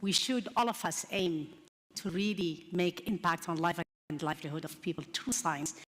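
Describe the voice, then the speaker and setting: A woman's voice: on the low side, steady tone, moderate pace, fairly bright tone. A woman giving heartfelt closing remarks at a conference. She is earnest and keeps saying "really". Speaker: conference speaker. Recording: long reverb in a large hall.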